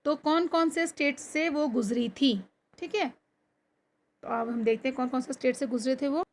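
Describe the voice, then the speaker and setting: A woman teaching an online class, reading lines from a textbook slowly and then explaining them in Hindi, with questions to her students and frequent "theek hai" check-ins. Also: sits high. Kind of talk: recorded online lesson explaining a textbook chapter. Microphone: computer or phone screen recording.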